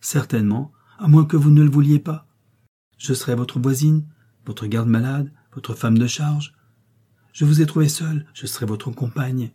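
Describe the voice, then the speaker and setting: A devoted, spirited young woman, as a male reader puts her on, gentle and reassuring. The tone stays very dark and mellow, with a husky grain. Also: medium pitch, normal speed, natural voice.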